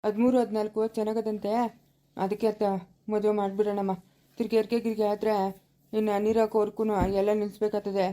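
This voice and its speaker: A woman's voice: mid-range voice, level tone, fairly quick, mellow, natural voice. A woman with a rural Chikkaballapura Kannada accent, acting a patient elderly village grandfather in a family skit, soothing and reassuring.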